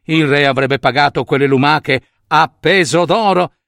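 A man reading a fairy tale aloud with expressive, animated narration. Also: a little high, normal speed, gravelly, no room sound, studio quality. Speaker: storyteller.

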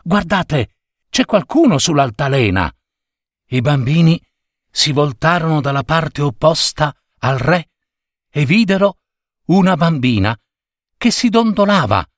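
A man narrating a children's story in an expressive, dramatic way. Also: fairly high pitch, measured pace, dry recording, studio quality.

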